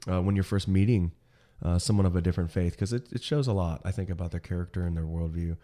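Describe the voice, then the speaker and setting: A man with a lowish, mellow voice, co-hosting a casual podcast. He chimes in with short agreements and adds his own points with halting restarts. His delivery stays easygoing. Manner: agreeable, brief interjections and hesitant restarts. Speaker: podcast co-host.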